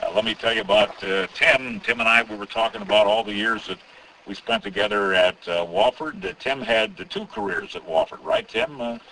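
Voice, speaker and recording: A man's voice: lowish voice, sing-song, brisk, creaky, bright, forceful tone, slight background noise, low-quality recording. A man hosting a casual radio interview, rambling with many fillers and restarts. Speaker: radio host.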